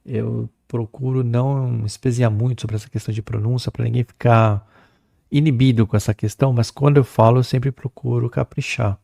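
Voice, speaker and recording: A middle-aged Brazilian man runs a chatty exam-prep English lesson, slowing down whenever he reads English text aloud. His voice is mellow and gravelly with a lot of fry. The recording is close and dry. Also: medium pitch, dry recording. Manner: lively, chatty, talks to students, reads English aloud slowly. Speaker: English teacher.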